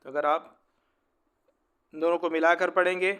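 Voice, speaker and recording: A man teaching Quran recitation, spelling out letters and vowels, who explains quickly and then recites slowly and drawn out. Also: a little high, level tone, pushed and bright, clean tone. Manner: rapid explanations alternating with slow, drawn-out recitation. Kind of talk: tajweed lesson, spelling out letters.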